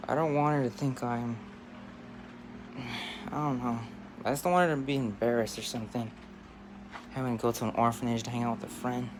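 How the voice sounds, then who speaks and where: A man voicing a shy orphan boy who talks hesitantly, with stammers and pauses. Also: medium pitch, steady tone, noisy background, close to an everyday voice. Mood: nervous.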